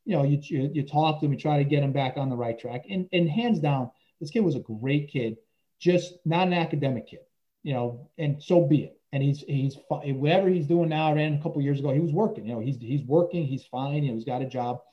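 A teacher tells stories in a casual interview, his voice on the high side and a little fast. He rambles with lots of "you know" and restarts, captured in a dull lo-fi recording.

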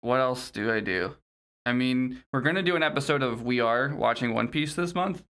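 A man talks casually as a podcast host, retelling a story with sardonic complaints and swearing. His mid-pitched voice is bright and forceful. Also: lively intonation, moderate pace, clear, resonant tone. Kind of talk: casual recap chat.

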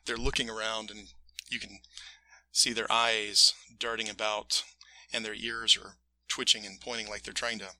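A man acting as game master, narrating casually and haltingly, pausing to find his words. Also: lowish voice, level tone, pushed and bright, rough recording. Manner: halting, pausing mid-phrase to search for words.

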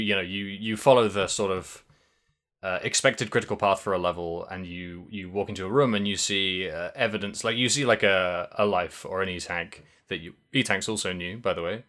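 In a low-pitched, sharp-toned voice, a young podcast co-host talks casually about a video game. His chatter wanders, with occasional self-corrections and the odd swear word.

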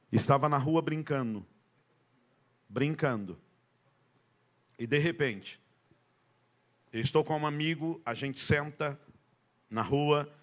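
A middle-aged man preaching a sermon at a church service, emphatic and calling out to the congregation, dropping to a hush and then rising high and loud. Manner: emphatic, call-and-response with the congregation; swings from hushed to loud, rising high when retelling a story. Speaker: pastor.

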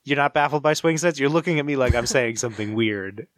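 A man's voice: medium pitch, fast, fairly bright tone, no echo, studio quality. A young man co-hosting a podcast with bantering comic chat and a mock-grandiose, theatrical manner. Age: young adult. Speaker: podcast co-host.

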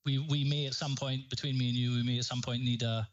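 A man with a Highland Scottish accent explaining his ideas in conversation, in a halting way with restarted phrases. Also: little pitch movement, muffled recording. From Highlands of Scotland. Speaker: movement and mind-body teacher, podcast guest.

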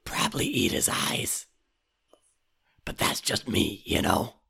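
A man voicing an eerie raven spirit who speaks slowly and formally in a breathy, gravelly whisper. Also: sits low, animated, pushed and bright, voice pushed down, heavily acted. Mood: hungry, flat. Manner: slow, grave, formal speech. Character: eerie otherworldly raven spirit, hungry, solemn.

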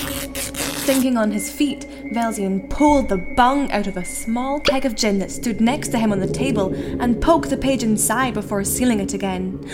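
A woman narrating a scripted folk tale as a storyteller. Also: mid-range voice.

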